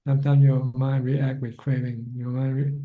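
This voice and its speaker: Over a video call, a male meditation teacher answers questions and guides a caller, speaking plainly and repetitively with many restarts. His voice is medium in pitch, flat, and at normal speed. The call audio is dull and lo-fi.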